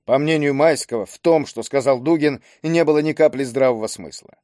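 A man narrating an audiobook in a measured, even manner. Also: medium pitch, no echo, studio quality.

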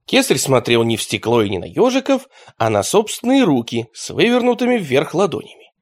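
A man narrating an audiobook in an expressive storytelling manner. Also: on the high side, a little fast.

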